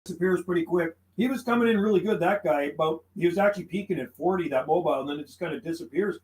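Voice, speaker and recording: This man talks fast in a high voice with a darkish tone while making radio calls and chatting on a live stream from his home radio room. He is easygoing and friendly, frequently saying "man" and "buddy," though the audio quality is poor.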